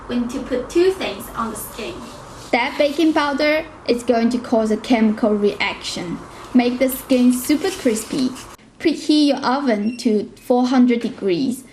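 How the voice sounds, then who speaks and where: A woman's voice: on the high side, a little mellow, rough recording. A woman giving a casual cooking tutorial in her home kitchen, chatty and direct, with slightly non-native phrasing. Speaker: cooking vlogger.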